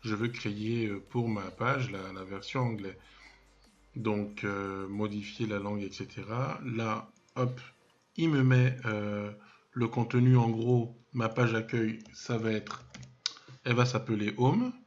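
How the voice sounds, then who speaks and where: A man giving a software tutorial, hesitant and full of fillers and restarts, thinking aloud as he clicks, with self-mocking asides. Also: fairly low pitch, fairly even intonation, unhurried, highs cut off. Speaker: web development trainer. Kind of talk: screen-recorded software tutorial.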